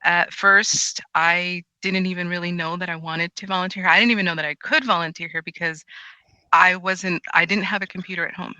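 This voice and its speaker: This woman co-hosts an online presentation from her home. She chats easily and laughs often. Her tone is sharp and bright, and the recording is dry and close. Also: on the low side, steady tone, a little fast, no room sound, rough recording. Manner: giggly, chatty, laughs often. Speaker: co-presenter of a volunteer program talk.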